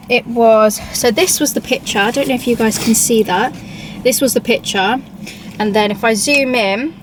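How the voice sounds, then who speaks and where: A woman's voice: on the high side, a little hiss or hum, poor audio. A young woman chatting informally as a host over a meal, often saying "like". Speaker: YouTube host reading out questions. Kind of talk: casual chat over a meal.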